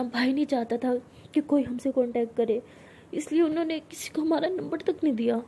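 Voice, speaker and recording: A young woman narrating a personal love story in first person, acting out the dialogue in a soft, hushed voice. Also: sits high, background noise.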